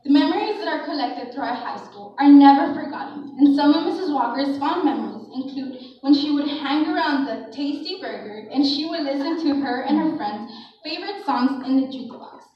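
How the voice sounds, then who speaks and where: A woman presenting an honoree, reading a formal introduction in a measured way. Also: high-pitched. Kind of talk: read-out ceremony introduction. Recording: echoey dull hall audio, distant mic.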